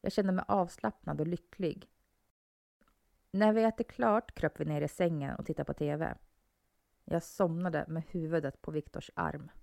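Brief: woman narrator with a low, creaky voice, dry close sound, steady horror reading. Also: no room sound. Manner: calm, measured reading. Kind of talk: first-person horror story narration.

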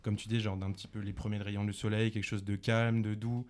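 Low, even-toned male co-host who thinks aloud in relaxed slang. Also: fairly quick. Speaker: podcast co-host. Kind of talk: casual chat about music.

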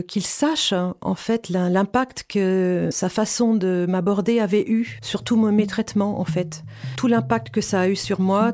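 With a medium-pitched, slightly mellow voice, a fiftysomething woman gives a frank, heartfelt account of her time as a cancer patient.

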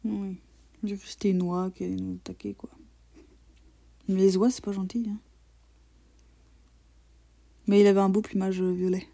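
A woman's voice: mid-range voice, flat delivery, normal speed, vocal fry, pauses often, warm tone. A young woman co-hosting a travel podcast, telling the trip with teasing, sarcastic banter. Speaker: podcast co-host. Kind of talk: casual travel chat.

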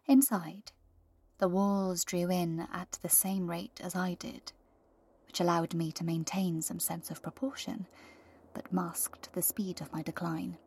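A woman plays a wry, wistful giant from the country in a first-person audio drama monologue, telling her tale expressively with hushed, confiding asides. Her voice is on the low side and slightly rough, and the mood moves from uneasy to subdued and wistful.

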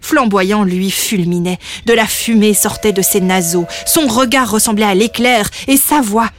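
A woman narrating a children's storybook in an expressive, playful way. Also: mid-range voice, normal speed, soft background music. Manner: expressive, playful with sound words.

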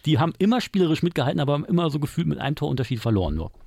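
A man co-hosting a podcast in casual chat, adding relaxed asides. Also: on the high side, rapid-fire, gravelly, no room sound. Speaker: podcast co-host.

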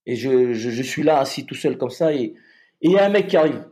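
A man, a soldier, telling a personal story in a halting way, with many repeated restarts. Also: mid-range voice, animated, warm tone.

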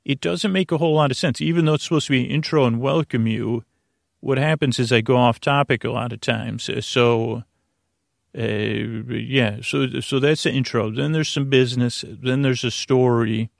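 On a close, dry podcast mic with no echo and studio quality, a man hosts a bedtime show. He's medium-pitched, gravelly and creaky, fairly even in intonation, and his rambling monologue wanders into digressions while he stammers over repeated words and loses track.

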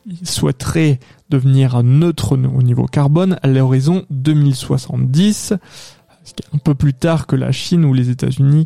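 A man hosts an economic news podcast, talking through the press review in a relaxed way with frequent hesitations. His voice is very dark and gravelly. The sound is dry and close, with no room in it. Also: mid-range voice, no echo. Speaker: podcast host.

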